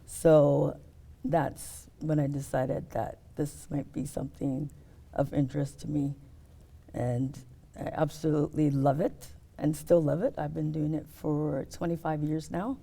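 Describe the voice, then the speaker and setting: A middle-aged woman talking casually in an interview about her work as an optician, explaining step by step with many pauses. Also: low-pitched, steady tone, creaky, mellow. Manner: explains step by step, hesitant fillers.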